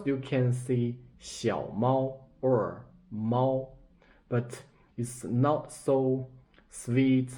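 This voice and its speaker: A man's voice: medium pitch, mellow. A man with a Chinese accent teaching a language lesson in English, patiently repeating example words. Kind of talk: slow explanatory lesson.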